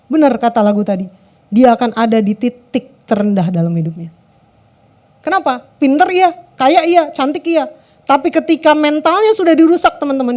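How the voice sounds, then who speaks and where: A woman preaching to a youth congregation in a casual, conversational way. Her voice sits high, and she keeps turning to the listeners directly. Phrase endings often drop low and quiet. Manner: conversational, keeps addressing the audience, lets phrase ends drop low and soft. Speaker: youth service speaker. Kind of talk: sermon.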